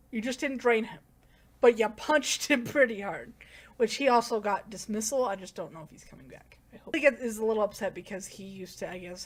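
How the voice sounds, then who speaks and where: A woman giving a casual, rambling plot recap as a manga reviewer, with lots of "like" and self-corrections. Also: fairly high pitch.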